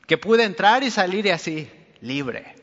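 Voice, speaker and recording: A man's voice: high voice, animated, a little slow, fairly bright tone. A man preaching a conversational sermon, earnest and colloquial, speaking straight to his listeners in a church hall. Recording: long reverb, dull lo-fi sound.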